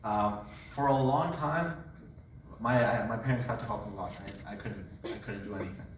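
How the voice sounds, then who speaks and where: A young man from Colombia tells his story as a casual testimony, relaxed and joking. His voice sits a little low and comes from some distance from the mic. The room around him rings with heavy echo, and a faint hum runs underneath. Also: moderate pace. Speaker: speaker giving a testimony. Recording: echoey room, voice away from mic.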